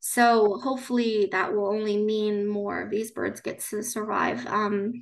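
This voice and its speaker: A young woman from China talking casually after a talk. Her voice sits at an ordinary middle pitch. She restarts her sentences often and keeps checking in with "right?" and "you know". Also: steady tone, a little slow, creaky. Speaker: speaker answering questions after a talk. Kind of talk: casual conversation.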